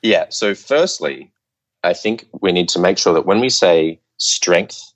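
A man guesting on a podcast, explaining coffee ideas in a relaxed, lecture-like way with plenty of filler words. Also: sits low, measured pace. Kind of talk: casual interview talk.

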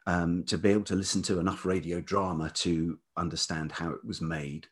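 With slight background noise behind him, a man in his fifties speaks in a low, flat, brisk manner. He is a writer and producer who, as an interview guest, reflects hesitantly and thoughtfully on his life in a velvety voice during a reflective autobiographical interview chat.

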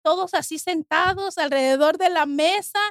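High-voiced earnest woman telling her story. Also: no echo, clean studio sound. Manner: earnest, halting with restarts. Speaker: guest sharing testimony. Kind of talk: emotional personal testimony.

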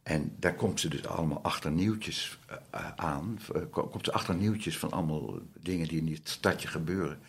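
A man's voice: sits low, moderate pace, creaky, few pauses, husky. A man chatting as a guest about reading audiobooks, talking easily with frequent restarts. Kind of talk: casual interview chat.

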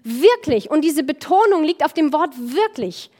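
Middle-aged woman preacher, high voice, emphatic sermon delivery with slow repetitions. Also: animated, darkish tone. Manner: emphatic, repeats key phrases slowly.

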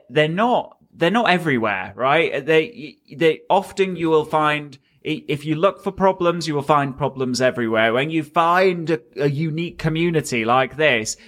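An enthusiastic man co-hosts a casual podcast, urging listeners on with warm repetition. His voice sits a little high for a man, and his talk is loose and conversational. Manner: enthusiastic, encouraging, repeats words. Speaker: podcast co-host.

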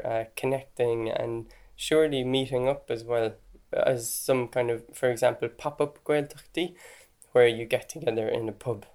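This Irish-accented man hosts a podcast, his mid-range voice a touch mellow. He explains topics in a chatty, conversational way, dropping casual asides full of "like" and "right?".

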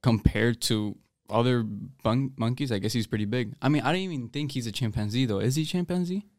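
A teenage boy from America hosts a student podcast in a chatty, meandering way, with plenty of fillers and false starts. He speaks briskly at medium pitch with a darkish tone, recorded cleanly in a studio with no echo.

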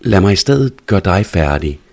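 A man doing a hushed young shop clerk. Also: low-pitched, sing-song, vocal fry, exaggerated voice. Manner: hushed whisper. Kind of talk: read-aloud story.

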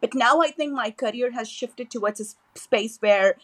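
Here's a podcast guest from southern India whose first language is Tamil, speaking at normal speed in a voice on the high side and a bit bright. She comes across as eager and enthusiastic, with plenty of fillers and restarts.

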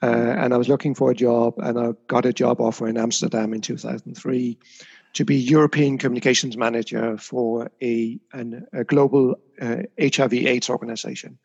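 A man's voice: mid-range voice, level tone, brisk, creaky, darkish tone, slightly rough, dull audio. A man as an interview guest, talking reflectively about his career with frequent small restarts. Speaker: guest, communications consultant. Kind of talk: casual interview.

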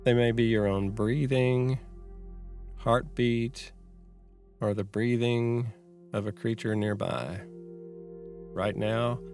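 A man giving a reflective guided mindfulness talk in a measured, unhurried way, with pauses between short phrases. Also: on the low side, vocal fry. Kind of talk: slow guided meditation, reflective talk on anxiety.

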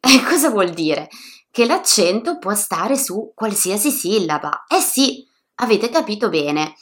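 A woman teaching pronunciation in a lively, upbeat scripted lesson, speaking directly to learners. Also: mid-range voice, measured pace. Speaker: Italian teacher.

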